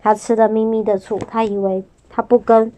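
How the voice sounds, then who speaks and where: Woman reading a picture book to a child; gentle, questioning, slightly high voice. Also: little pitch movement, normal speed.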